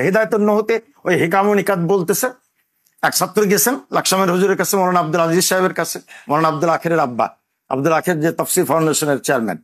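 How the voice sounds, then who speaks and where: A man's voice: high-pitched, breathy edge. An older man, a madrasa teacher giving an impassioned religious talk full of rhetorical questions.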